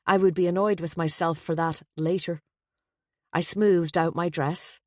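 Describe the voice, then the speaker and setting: Woman audiobook narrator, low voice, wry introspective first-person telling. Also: fairly even intonation, unhurried, a little mellow, dry recording, clean studio sound.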